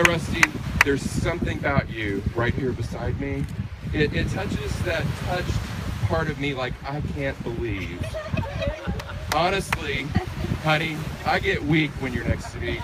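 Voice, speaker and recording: A middle-aged man speaking his wedding vows as a groom, playfully telling stories with theatrical, deliberate pauses, outdoors on a beach. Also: fairly high pitch. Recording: windy outdoor recording, loud background noise. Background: loud wind and ambient noise.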